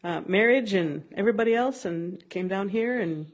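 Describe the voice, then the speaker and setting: A woman's voice: medium pitch, normal speed, highs cut off. A woman from Minnesota with a Minnesotan accent, recalling shared memories in a chatty, hesitant way in a recorded conversation with a friend.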